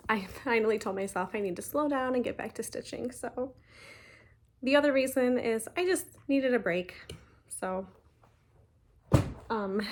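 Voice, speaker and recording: A woman, chatting casually in a stitching vlog, talking fast and rambling with many ums and restarts. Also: mid-range voice, gravelly. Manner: talks fast. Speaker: flosstube host.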